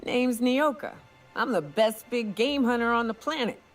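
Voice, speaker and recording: An actress playing a drunk, boastful big game hunter in a video game, with a rambling, tipsy barfly drawl. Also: female voice, a little high, normal speed, faint music behind, lightly acted. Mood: boastful, gruff.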